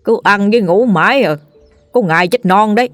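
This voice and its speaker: A gruff eldest ghost-hunter, put on by a woman narrator, nags and curses in a raised voice. He bosses his juniors around. The recording is dry, with faint music behind. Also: medium pitch, a little fast, no room sound, close to an everyday voice. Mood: scolding. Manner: scolding, curses.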